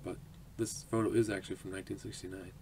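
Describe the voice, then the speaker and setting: A man in his twenties hosting an autograph collecting channel talks through opening his mail for a home vlog. The voice is low-pitched, gravelly and mellow, level in tone and quick, while he stays chatty and upbeat, laughing often and saying um a lot. It's a noisy recording from a small indoor room.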